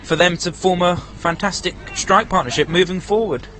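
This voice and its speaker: A man adding analysis as co-commentator at an outdoor football match. His voice sits slightly high, and he speaks in a measured, slightly hesitant way. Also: fairly bright tone, some chatter behind, low-quality recording.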